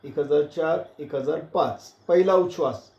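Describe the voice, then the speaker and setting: A man leading an online breathing and posture class, counting slowly and giving calm step-by-step cues that drop soft and low. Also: gravelly, background noise. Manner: slow, counting cues, voice dropping soft and low when calming. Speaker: yoga and breathing instructor. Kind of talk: guided breathing exercise instruction. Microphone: video call. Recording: roomy, dull lo-fi online class audio.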